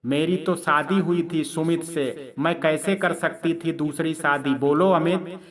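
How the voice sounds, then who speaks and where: A man's voice: on the high side, steady tone, a little slow, a crowd in the background, natural voice. Man reading a grieving angry young wife. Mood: accusing. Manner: accusing, tearful questions.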